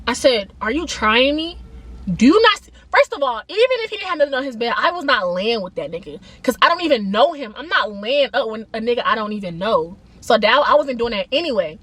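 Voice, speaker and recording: A young woman vlogger telling a story casually, slangy and animated, acting out the people she quotes. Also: a little high, quick pace, hardly any pauses, slightly rough.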